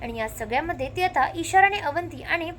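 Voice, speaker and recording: A woman narrating a recap of a television serial episode, telling the story lively and quoting the characters' lines one after another. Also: high voice, a little fast, slight background noise.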